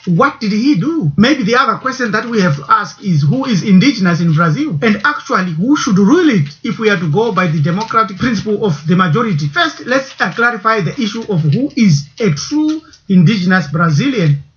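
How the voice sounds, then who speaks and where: A man's voice: high voice, very animated, a bit bright. Man narrating a documentary, lo-fi. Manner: measured, posing rhetorical questions.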